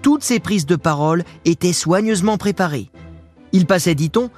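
A man's voice: high-pitched, lively intonation, normal speed, darkish tone, soft background music. A man giving scripted history narration with casual asides, talking straight to the listener in a chatty way. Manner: chatty, addresses the listener directly.

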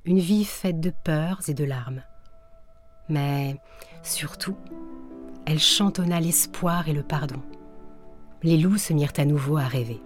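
A woman narrating a children's story in a gentle, measured way. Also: fairly low pitch.

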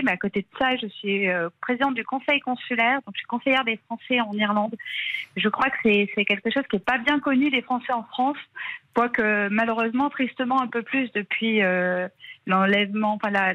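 A woman calling a radio show, chatting warmly with plenty of small hesitations. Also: on the high side, brisk, no echo, highs cut off. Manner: chatty, friendly, laughs easily. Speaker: radio caller. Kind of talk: phone-in chat. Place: at home in Dublin.

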